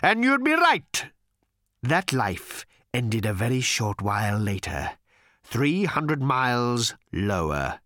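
A man reading an audiobook voices a bitter, vengeful male creature, speaking slowly with a hissing, brooding menace. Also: mid-range voice, wildly swooping pitch, fairly bright tone, dry recording, clean studio sound, exaggerated voice. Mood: brooding, sardonic. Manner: slow, hissing, drawn-out menace.

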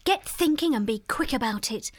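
A man's voice: very high voice, animated, moderate pace, no echo, voice pushed up. A man voicing a bossy young female mouse who scolds sharply. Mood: impatient.

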